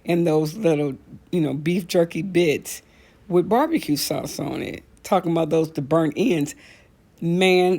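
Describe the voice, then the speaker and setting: Speaking at a fairly low pitch, a middle-aged American woman rants comedically on her casual talk show, spinning stories. She's animated and blunt, uses everyday colloquial language, and repeats herself for emphasis.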